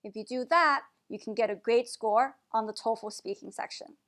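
A woman teaching English pronunciation in a slow, clear lesson style, carefully modeling each word. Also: fairly high pitch, fairly bright tone.

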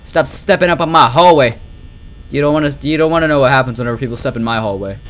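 Speaking fast in a medium-pitched, fairly bright tone, a young adult streamer narrates a horror game live. The commentary is casual and meandering, with nervous outbursts and some swearing.

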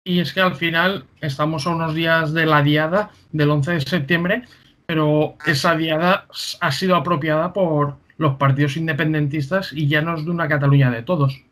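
Brisk man hosting a video call. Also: fairly high pitch, fairly even intonation, fairly bright tone. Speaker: host.

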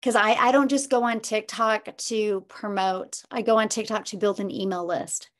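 A woman hosting a live call over a video link, upbeat and encouraging, talking quickly and warmly to her audience. Her voice sits at a medium pitch. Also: steady tone. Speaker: host.

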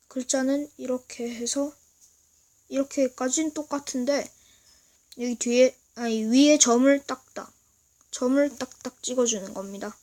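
Slow, halting woman teaching a lesson. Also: high voice, fairly even intonation, dark tone. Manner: slow, halting explanation with frequent throat clearing. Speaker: language teacher. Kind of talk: casual video lesson. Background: noise from outside.

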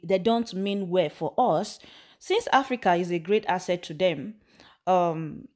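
A woman's voice: mid-range voice, darkish tone. A Nigerian woman hosting her channel, reading news and then giving impassioned commentary full of rhetorical questions and fillers. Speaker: channel host.

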